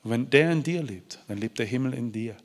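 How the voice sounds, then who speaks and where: A man's voice: medium pitch, animated, brisk. Heartfelt male preacher in a reverberant hall. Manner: heartfelt, pleading, with frequent restarts and stammered repeats. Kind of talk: emotional testimony and preaching.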